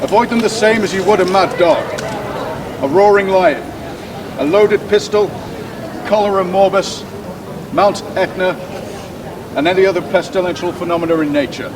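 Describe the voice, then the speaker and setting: A man's voice: high voice, normal speed, pauses often, lightly acted. Pompous aggrieved husband orating from afar, acted by a man. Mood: aggrieved ranting. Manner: declamatory, projected, pompous. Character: aggrieved 19th-century husband auctioning his wife, mock-solemn. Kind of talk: theatrical public oration in street performance. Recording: distant outdoor voice, crowd and traffic noise.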